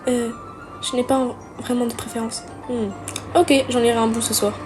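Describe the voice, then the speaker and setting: A woman voicing a shy, bookish teenage girl who speaks quietly and hesitantly, with game music behind her. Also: a little high, flat delivery, normal speed, lightly acted. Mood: timid. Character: shy, soft-spoken bookish teen girl. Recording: music playing underneath.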